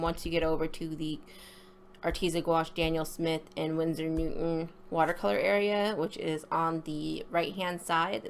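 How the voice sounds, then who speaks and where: A woman with a slight lisp giving a casual, rambling voice-over for an art video, with informal apologetic asides. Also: on the low side.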